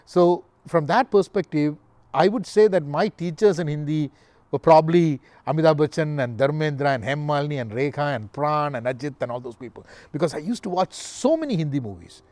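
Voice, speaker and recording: A man's voice: a little high, expressive, brisk, darkish tone, dry recording. A man in his fifties with a South Indian Malayali accent, giving informal advice to camera in a conversational, explanatory way, rephrasing as he goes. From Calicut, Kerala, South India. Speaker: language coach giving tips. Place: backyard patio, outdoors. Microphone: lapel mic.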